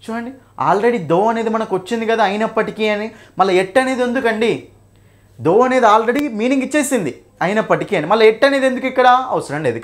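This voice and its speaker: A young man with a high voice and a Telugu accent teaches an English grammar revision class for exams. He goes through every answer option in detail, keeps asking "okay?" and "right?", and calls his students "nanna" while reading the English example sentences slowly.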